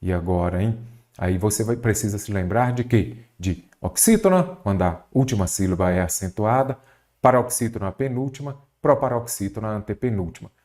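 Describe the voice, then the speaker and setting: A man's voice: lowish voice, lively intonation, fairly quick, darkish tone. A Brazilian man teaching a Portuguese grammar lesson for exam prep, asking questions and answering them himself.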